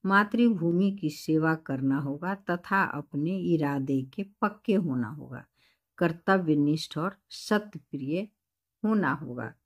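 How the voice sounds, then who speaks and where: A woman teacher reading out textbook questions and dictating the answers slowly and carefully. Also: low voice, expressive, breathy edge. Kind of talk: explaining textbook answers to a class.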